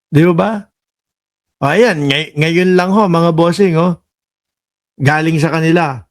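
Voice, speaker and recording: High-voiced sarcastic Filipino commentator man. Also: slow pace. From Philippines. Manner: sarcastic, animated, scolding asides. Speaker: political commentator host. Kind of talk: reaction commentary reading viewer comments.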